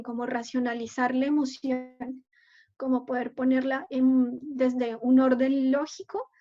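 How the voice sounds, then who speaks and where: A woman's voice: sits high, dark tone, lo-fi sound. A woman psychologist giving a live online talk and answering questions from the chat, explaining patiently and often checking in with her listeners.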